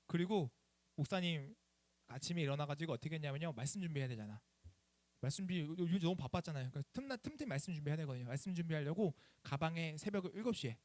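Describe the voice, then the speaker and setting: A man's voice: a little high, no room sound. A young man preaching to teenagers as their youth pastor, telling a personal story in a chatty way and asking them questions. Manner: animated, chatty, asks the students questions. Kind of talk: lively youth sermon storytelling.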